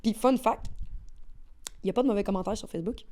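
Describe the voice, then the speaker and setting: A woman with a Québécois accent talks very fast in a relaxed podcast chat. Her speech is slangy and lively, one story tumbling into the next. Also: medium pitch. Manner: rapid, slangy, animated storytelling. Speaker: guest, agency owner. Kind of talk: casual podcast conversation.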